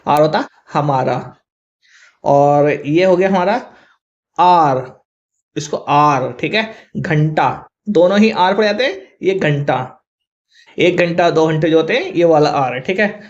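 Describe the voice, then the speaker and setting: A man's voice: on the high side, takes it slowly. A male teacher with a Hindi accent explains confused English words to students, spelling them out letter by letter. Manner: spells words out letter by letter, often says 'thik hai'. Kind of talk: vocabulary lesson to students. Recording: dull lo-fi recording.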